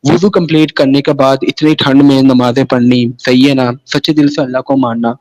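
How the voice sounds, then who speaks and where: A man's voice: medium pitch, steady tone, moderate pace, darkish tone, low-quality recording. A man from Pakistan, telling his personal story in an interview in a rambling way, often repeating the same tag phrases. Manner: rambling, keeps repeating "sahi hai na" and restarting phrases. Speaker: interview guest.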